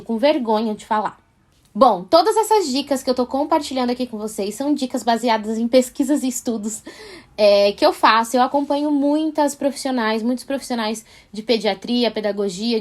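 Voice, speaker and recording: High-voiced Brazilian woman giving parenting tips. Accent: Brazilian Portuguese, São Paulo. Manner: friendly, explanatory, tag questions like "né" and "tá". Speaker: parenting vlogger. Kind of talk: casual advice vlog.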